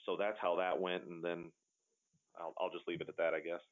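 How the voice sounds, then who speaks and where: A man's voice: sits low, flat delivery, brisk. A man, a police detective, answering interview questions off the cuff in a guarded, official way. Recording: muffled, band-limited interview audio.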